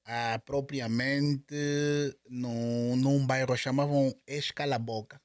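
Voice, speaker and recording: Speaking slowly with little pitch movement in a mid-range voice, the Angolan Portuguese–accented interviewee hesitates often, repeating words and restarting. The casual conversation is captured in a dry, clean studio recording.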